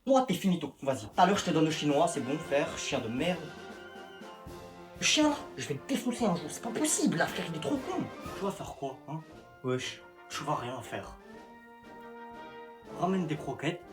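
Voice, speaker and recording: Guy doing cheeky comedy sketches, slangy, jumpy pitch, bit of music underneath. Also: sing-song, normal speed, pauses often. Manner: swaggering street slang, loud outbursts.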